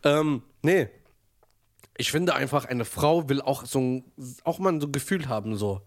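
A man's voice: medium pitch, expressive, measured pace. A young man from Germany co-hosting a podcast in casual chat, rambling and hesitant, laughing in between. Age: young adult. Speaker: podcast co-host.

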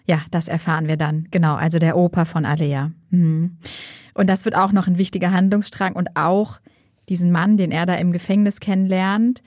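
A woman's voice: lowish voice, fairly even intonation, moderate pace, a little mellow, dry recording, clean studio sound. A woman co-hosting a book podcast, musing aloud in casual chat and often checking in with her partner. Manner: musing, thinks aloud with many tag questions.

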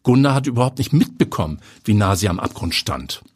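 A sharp, curious young journalist, voiced by a male audiobook reader, who questions people and lays out his reasoning. The voice is a touch raised from the reader's own and keeps a husky grain. The speech moves in lively rises and falls. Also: fairly low pitch, brisk, no room sound, studio quality. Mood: explaining. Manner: inquisitive, explaining.

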